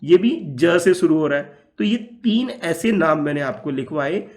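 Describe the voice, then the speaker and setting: A man's voice: fairly high pitch, lively intonation, normal speed, a little mellow. A man teaching young children, patiently repeating words and asking questions back. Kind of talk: classroom lesson for young children.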